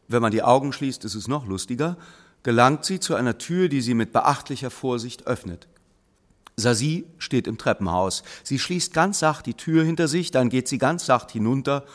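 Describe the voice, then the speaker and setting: A man reading a comic story aloud as narrator, with wry, lively storytelling. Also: mid-range voice, in a large hall.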